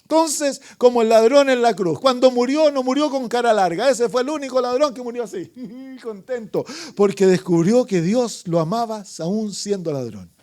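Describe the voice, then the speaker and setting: With a very high voice, a moderate pace, and hardly any pauses, a man preaches an evangelistic sermon as pastor. He is dramatic, going from loud calls to hushed asides, questioning the congregation and calling for amens.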